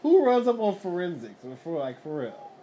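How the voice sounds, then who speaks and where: A man with a slightly high, mellow voice chats and jokes casually over faint background noise. His talk is slangy and profane, and he keeps prodding with questions. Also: wildly swooping pitch, moderate pace, rough recording. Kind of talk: casual joking chat.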